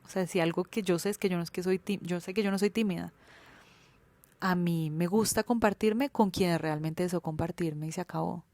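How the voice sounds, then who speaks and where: Colombian woman host, low-pitched, candid and slangy, dry close sound. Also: fairly even intonation, normal speed, darkish tone, dry recording. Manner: candid, colloquial, swears freely. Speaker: podcast host. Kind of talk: reflective personal monologue.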